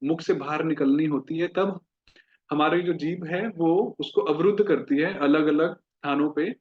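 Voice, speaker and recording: A man teaching Sanskrit pronunciation in a classroom lesson, drawing out each word slowly and asking his listeners questions as he explains. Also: a little high. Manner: slow, drawn-out demonstration of each word. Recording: dull lo-fi recording.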